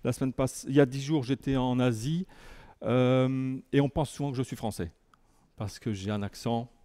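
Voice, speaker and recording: Belgian man, border accent, mellow mid-pitched voice, halting presenter with self-deprecating asides. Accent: Belgian French, from near the French border by Lille. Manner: hesitant, many fillers and restarts, self-deprecating asides. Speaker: conference speaker. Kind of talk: tech talk to a live audience. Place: meeting room with an audience.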